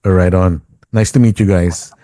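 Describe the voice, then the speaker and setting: A middle-aged man from the Philippines hosts a casual interview show, pausing often with ums and uhs. His voice sits low and mellow. The sound is dry and close. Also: steady tone, no room sound. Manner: halting, many ums and uhs. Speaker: radio show host.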